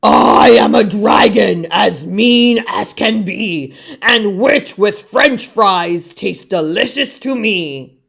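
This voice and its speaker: A woman's voice: mid-range voice, takes it slowly, creaky, a bit bright, slightly rough, heavily acted. A woman voicing a mean male dragon in a children's storybook. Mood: menacing. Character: mean, menacing male dragon who turns cowardly.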